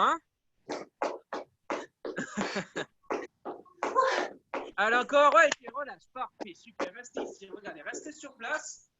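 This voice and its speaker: Energetic male fitness coach counting reps. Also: very high voice, muffled recording, background noise. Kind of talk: live online workout class.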